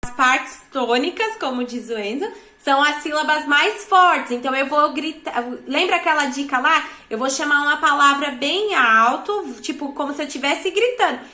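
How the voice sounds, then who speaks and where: Brazilian woman teacher walking a class through worksheet tasks, patient, high bright voice, echoey classroom. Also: expressive, normal speed, few pauses. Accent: Brazilian Portuguese. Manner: patient, checks understanding with frequent tag questions. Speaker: schoolteacher. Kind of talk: classroom instruction.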